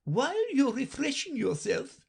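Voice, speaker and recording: A man voicing a brisk, imperious queen chess piece who cries out orders in a shrill, commanding way. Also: huge pitch swings, vocal fry, darkish tone, heavily acted.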